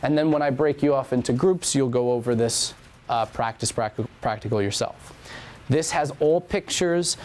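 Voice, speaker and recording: A man's voice: medium pitch, moderate pace, a little mellow. A young man teaching an anatomy and physiology lab review in a classroom, talking casually and repeating key points.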